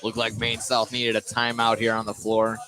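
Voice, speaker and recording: Over music, a man with a lowish voice gives clipped live radio play-by-play of a basketball game at a moderate pace and in a completely flat delivery. The setting is an indoor basketball gym, full of noise and the sound of balls bouncing.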